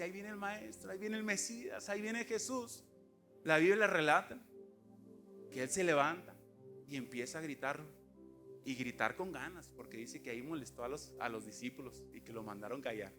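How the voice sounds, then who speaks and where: A lay preacher, giving an emphatic, conversational sermon to a congregation in a church, full of rhetorical questions and asides. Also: male voice, sits high, fairly bright tone. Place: church sanctuary.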